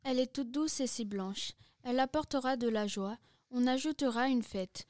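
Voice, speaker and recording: A woman voicing delighted gods in a storybook tale, speaking softly. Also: a little high, moderate pace, no echo, clean studio sound, lightly acted. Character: delighted gods naming the snow.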